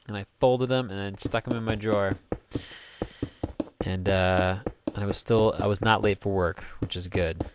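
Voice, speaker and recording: A young man with a slightly low voice talks casually over a video game. He rambles between building tasks and cracks jokes. He sings goofy snippets now and then, and the sound suggests a desk microphone. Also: steady tone, normal speed, noisy background. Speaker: gaming let's play host. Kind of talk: casual gameplay commentary.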